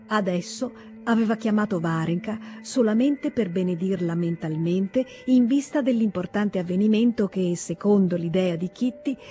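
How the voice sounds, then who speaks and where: A woman narrating a classic novel in a measured, literary reading style for a radio audiobook. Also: fairly low pitch, mellow. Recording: radio audiobook recording with faint music.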